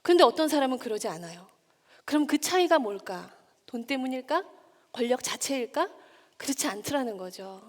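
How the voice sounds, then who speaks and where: High-voiced woman lecturing in a hall. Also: lively intonation, fairly quick. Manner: warm, engaging, asks the audience questions and acts out scolding lines. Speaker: speaker giving a stage talk. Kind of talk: public lecture to a live audience. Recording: long reverb of a hall.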